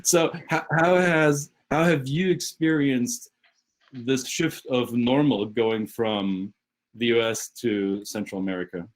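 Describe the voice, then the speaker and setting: A man leading an online session as a guest speaker, talking quickly and often restarting his sentences over a video call. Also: medium pitch, rough recording. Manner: brisk, halting with repeated restarts. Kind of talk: conversational talk on a video call.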